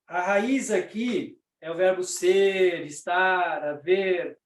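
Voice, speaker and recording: A man's voice: high-pitched, slow pace. A man with a Brazilian Portuguese accent teaching a Sanskrit class, explaining step by step and often checking in with the listeners. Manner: patient, explains step by step with frequent "né?". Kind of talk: explanatory lecture. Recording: roomy, distant mic.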